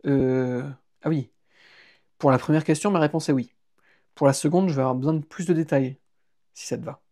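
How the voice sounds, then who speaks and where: A man's voice: fairly high pitch, fairly even intonation, normal speed, mellow, lightly acted. A man reading a teasing young hacker friend. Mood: joking. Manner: teasing, casual, stammers when stunned. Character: young adult male hacker friend, joking and easygoing. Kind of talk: audiobook character voice.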